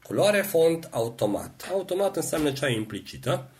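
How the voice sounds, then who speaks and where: A man's voice: a little high, very animated, darkish tone. Patient man teaching keyboard steps. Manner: patient, explains each keystroke. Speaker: computer skills instructor. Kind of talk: step-by-step tutorial explanation.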